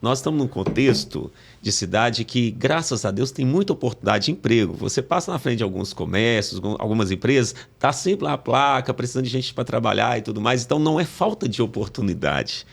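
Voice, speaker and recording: Brazilian male host, gravelly mid-pitched voice, lots of agreeing and checking. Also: lively intonation, a little fast, few pauses. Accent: Brazilian Portuguese. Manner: affirming, asks guests to confirm points. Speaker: podcast host. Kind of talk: podcast interview.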